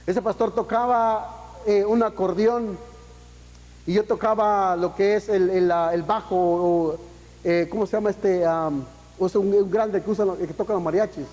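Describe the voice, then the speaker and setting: A man's voice: high voice, steady tone, a little slow, darkish tone. A man preaching a sermon as pastor, impassioned, with emphatic peaks and rhetorical questions, dropping casual English phrases into his talk. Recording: long echo of a church hall.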